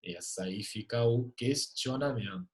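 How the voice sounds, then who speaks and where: A young adult man with a Brazilian Portuguese accent, teaching an online literature class in a lively, joking way and reading short poems aloud. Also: medium pitch, a little slow.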